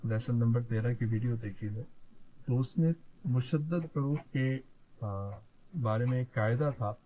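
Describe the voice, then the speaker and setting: A man's voice: medium pitch, dark tone, slight background noise, low-quality recording. A man teaching Quran reading, spelling out letters one at a time, who asks questions and then answers them himself. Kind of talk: slow spelled-out recitation lesson.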